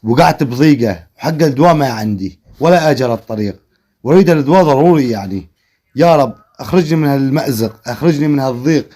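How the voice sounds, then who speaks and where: A man's voice: medium pitch, animated, fast talker, mellow, natural voice. A man voicing a poor, grateful older man who pleads and prays with emotion while telling a story. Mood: pleading.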